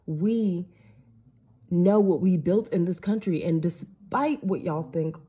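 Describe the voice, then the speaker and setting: An American social media commentator delivers an impassioned, indignant rant straight to camera, packed with rhetorical questions. Her voice is on the low side, mellow with a breathy edge, and she speaks slowly.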